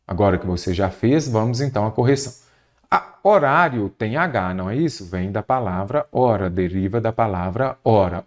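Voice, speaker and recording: A man teaching a Portuguese grammar exam-prep lesson, explaining step by step and often checking in with the viewer. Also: on the low side.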